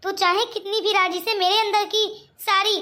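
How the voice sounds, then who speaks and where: A woman's voice: very high-pitched, flat delivery, normal speed, bright, forceful tone. A woman voicing a bitter, jealous older aunt in a cartoon story, taunting and scornful. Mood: defiant. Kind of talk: cartoon voice acting.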